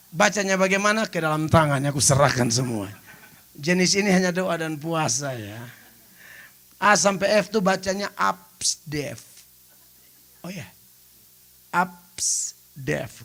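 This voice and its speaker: Pastor, male, high bright voice, animated joking sermon with shouted punchlines. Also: vocal fry. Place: church stage.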